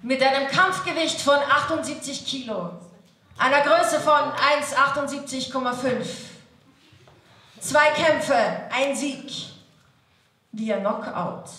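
A woman works as a boxing ring announcer, presenting fighters theatrically. Her voice is high and forceful, and she draws names out slowly. It rings with heavy echo through the hall. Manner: dramatic, drawn-out name calls to the crowd. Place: boxing ring on a large indoor stage. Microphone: handheld microphone. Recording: very echoey PA in a hall.

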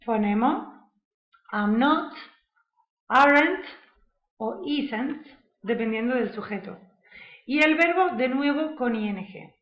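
Slow, patient woman teaching grammar. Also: on the high side, animated. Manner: slow, patient explaining, often checks with "¿vale?". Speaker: English teacher. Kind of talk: grammar lesson. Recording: echoey room, slightly dull sound.

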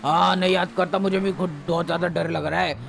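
A man voicing a gruff, bossy criminal in a game role-play. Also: high voice, fairly even intonation, fast, noisy background.

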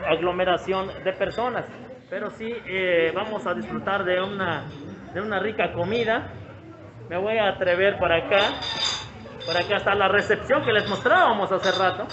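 Mexican vlogger, fairly high male voice, walk-around commentary on a phone camera, muffled sound, people chatting behind. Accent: Mexican Spanish. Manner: chatty, greets people by name, repeats phrases. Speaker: vlogger showing a restaurant. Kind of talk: casual walk-around narration. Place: open-air roadside restaurant.

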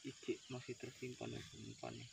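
A man's voice: mid-range voice, monotone, brisk, creaky, very noisy. A man out fishing with a friend, making short easygoing remarks from a distance. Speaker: fishing companion. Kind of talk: casual banter. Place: outdoors in the field.

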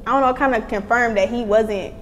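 Fast-talking woman in an echoey room. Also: on the high side, a loud crowd. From Lake County, Illinois. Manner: candid, chatty, repeats "you know what I'm saying". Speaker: interview guest. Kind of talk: casual interview talk. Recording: echoey room with faint noise.

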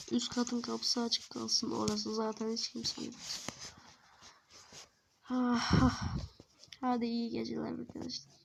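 Slow chatty gamer narrating to viewers. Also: female voice, a little high, creaky, noisy background. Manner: chatty, addresses the viewers constantly. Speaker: gamer narrating own play. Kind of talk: casual game role-play narration.

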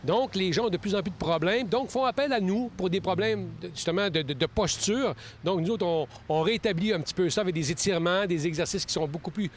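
A middle-aged kinesiologist from Saguenay-Lac-Saint-Jean, Quebec, with a Quebec French accent, gives casual interview answers outdoors in a leafy park. He's earnest and explanatory, often restarting, speaking fairly quickly with hardly any pauses in a slightly raised pitch. A close handheld mic picks him up, with a little hiss or hum.

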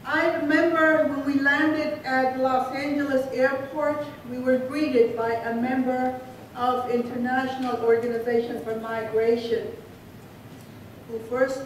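Woman guest speaker, middle-aged, from Afghanistan; unhurried, steady podium speech in a roomy hall, mic at a distance. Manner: slow, measured delivery read from notes. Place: large indoor reception hall. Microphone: podium microphone heard from a distance. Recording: echoey hall from far off with faint rumble.

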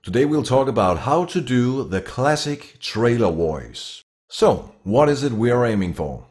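A man's voice: medium pitch, big pitch swings, measured pace, a little mellow. A man hosting an upbeat, step-by-step voice-acting tutorial. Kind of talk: instructional video.

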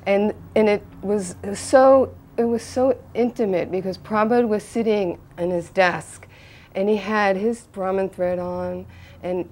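An older woman telling a personal anecdote, earnest and halting, with restarts and bursts of excitement. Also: medium pitch. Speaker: devotee recalling a memory.

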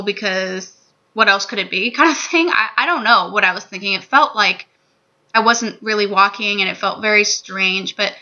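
Candidly telling a personal story to her camera, a vlogger in her twenties speaks from a small room in a medium-pitched voice that sounds pushed and bright. The dull, lo-fi audio is from a webcam or laptop mic at desk distance.

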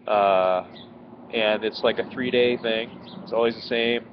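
A man's voice: fairly low pitch, steady tone, a little slow. A congested man sick with a head cold, chatting casually to camera in a self-deprecating, complaining way as he vlogs outside at home. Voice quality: congested, stuffy-nosed. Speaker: vlogger. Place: outdoors at home in a residential neighborhood. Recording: dull lo-fi, clear outdoor background noise. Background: outdoor neighborhood ambience.

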